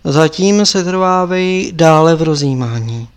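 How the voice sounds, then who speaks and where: A man reading an audiobook, voicing an old male lama abbot who admonishes his pupil in a measured, lecturing way. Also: fairly high pitch, animated, smooth, natural voice. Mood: instructive.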